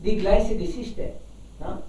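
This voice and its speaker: A woman's voice: mid-range voice, slow pace, mellow, slight background noise. A woman teacher explaining a fairy tale in a language lesson, patiently repeating and explaining words. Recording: echoey room, far from mic.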